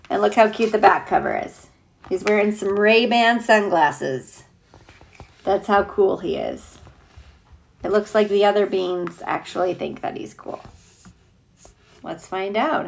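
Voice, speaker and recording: During a children's read-aloud, this woman teacher chats playfully and puts questions to her young listeners between pages of a picture book. Her voice is medium-pitched with vocal fry.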